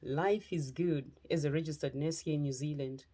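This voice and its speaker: A woman's voice: deep voice, steady tone, moderate pace, mellow. A woman from Zimbabwe with a Zimbabwean accent, giving an earnest personal testimony as a motivational speaker and lifestyle preacher. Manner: earnest, heartfelt, speaking in short phrases.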